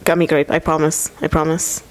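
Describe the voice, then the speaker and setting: A woman's voice: low voice, level tone, a little fast. A woman co-hosting a podcast in casual chat, giggly and emphatic in her opinions. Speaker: podcast co-host.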